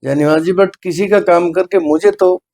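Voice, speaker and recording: With a high voice, fairly even intonation and a darkish tone, a middle-aged hospital medical superintendent replies to interview questions at a moderate pace. He's earnest and deferential, and English phrases slip into what he says.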